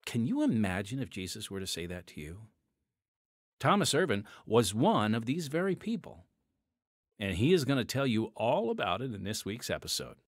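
A podcast host talks conversationally before introducing the episode, using fillers and dramatic shifts. His fairly low voice is sing-song and at normal speed, recorded dry in studio quality with a music bed underneath.

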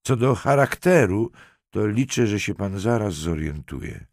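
A man's voice: on the low side, sing-song, unhurried, creaky, darkish tone, dry recording, clean studio sound, voice pushed up, exaggerated voice. A man voicing a frightened, tearful young woman. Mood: teasing. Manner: teasing, then pleading and breathless.

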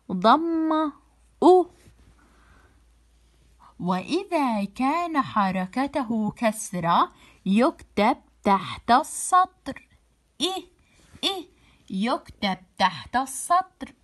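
A woman teacher giving a children's phonics lesson, drawing out letter sounds and repeating them for drilling, with warm praise. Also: fairly high pitch, very animated, slow, long pauses. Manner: praising, encouraging.

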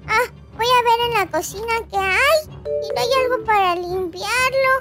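A woman's voice: very high-pitched, normal speed. A woman doing a playful game role-play for kids, full of squealy, dramatic exclamations over children's background music. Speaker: gaming YouTuber. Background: cheerful children's background music.

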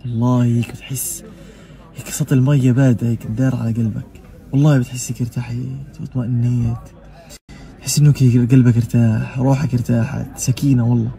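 A man's voice: mid-range voice, little pitch movement, vocal fry, dark tone. A young man from Gaza with a Gazan Arabic accent, talking in a casual personal monologue and swearing oaths for emphasis. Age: young adult. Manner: emphatic, swears oaths often, talks rapidly. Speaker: vlogger.

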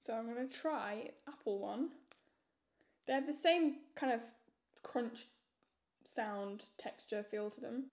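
High-voiced young woman reviewing crunchy snacks. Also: takes it slowly, long pauses, a little mellow. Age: young adult. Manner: enthusiastic, repeats words for emphasis. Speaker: food reviewer. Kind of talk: casual snack review to camera.

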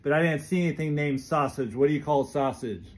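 A man's voice: on the high side, fairly quick. An American man from the Pacific Northwest chatting in a casual home vlog, playfully quizzing and laughing easily. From Pacific Northwest, USA. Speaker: vlogger's husband.

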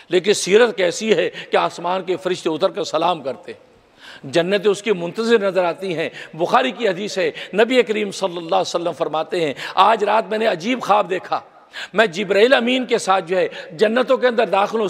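High, gravelly male preacher in echoing hall. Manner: expressive, mimics skeptics' voices when quoting them. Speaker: mufti, preacher. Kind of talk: sermon. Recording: long hall reverb.

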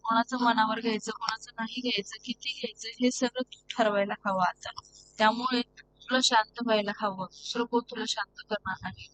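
A woman voicing a gentle, patient young wife who talks to herself and pleads softly, over a steady hum. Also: fairly high pitch, a little fast, lightly acted. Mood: resolute. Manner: soft, self-talk, pleading.

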